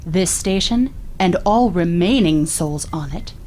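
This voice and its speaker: A woman voicing a cold, composed female alien envoy in a video game, speaking in a measured, formal way. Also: lowish voice, expressive, a little mellow, slight background noise. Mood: coldly formal.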